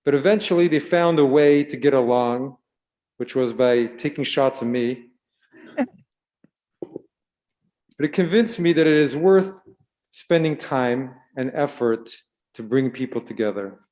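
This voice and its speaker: A man who was born in Israel gives a gentle, storytelling sermon to children at a Shabbat service and asks them questions along the way. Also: medium pitch, a little slow, long pauses. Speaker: rabbi. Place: synagogue sanctuary.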